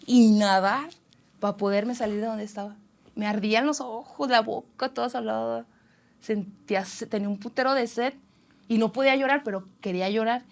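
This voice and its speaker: Lively Mexican woman telling a story. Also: on the high side, vocal fry. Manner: animated, acts out voices, swears freely. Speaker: guest. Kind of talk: casual storytelling.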